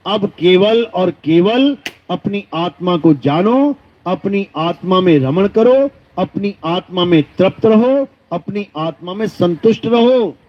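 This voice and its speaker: Man, high voice, devotional discourse, chants verses slowly then explains, dull lo-fi sound. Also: lively intonation. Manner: chants verses in a drawn-out sing-song, then explains plainly. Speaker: spiritual teacher. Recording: dull lo-fi recording.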